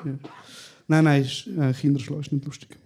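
A young man with a Swiss German accent co-hosts a casual podcast recorded live in a small venue. His voice is fairly high and his speed normal as he tells stories animatedly, dropping "Bro" in nearly every sentence, with slight background noise.

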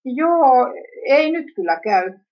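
A woman's voice: high-pitched, sing-song, pitched above the performer's own voice. Brief: a woman voicing an evasive young man, casual slang, dull lo-fi sound. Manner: casual, offhand slangy speech.

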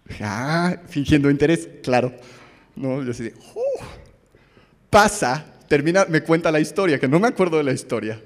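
A man's voice: on the high side, wildly swooping pitch, normal speed, long pauses, long reverb tail. A man from Mexico with a Mexican Spanish accent, preaching a casual, joking sermon full of stories and questions to the audience. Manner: storytelling, conversational, asks the audience questions.

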